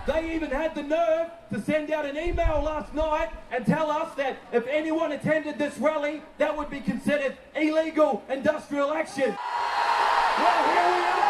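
A man, a dock worker and union member, shouting a defiant speech at a rally. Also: very high voice. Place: outdoor rally. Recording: roomy, distant outdoor rally recording.

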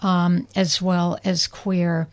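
A woman, a guest activist on a radio interview, speaking in an earnest, deliberate way. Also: fairly low pitch, little pitch movement.

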